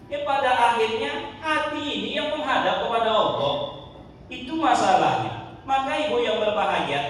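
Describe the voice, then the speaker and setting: A man delivers a slow, lively sermon, joking and now and then chanting his phrases. He is picked up from far off in a booming mosque hall with long reverb. Faint noise sits under the sound. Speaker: preacher.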